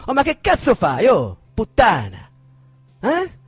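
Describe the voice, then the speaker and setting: A man reading a dramatic monologue as an abusive, aggressive man berating a woman, shifting from shouted insults to cold menace, with a husky voice. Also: on the high side, sing-song, a little slow, dry recording, heavily acted. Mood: furious, contemptuous.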